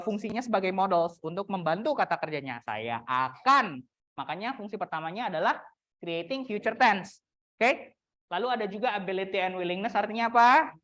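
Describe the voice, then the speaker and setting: A young woman lecturer speaks in a classroom, her pitch sitting in a middle register. Her talk is chatty and teasing. She slows down to model example sentences for her students. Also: a bit bright. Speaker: university English lecturer.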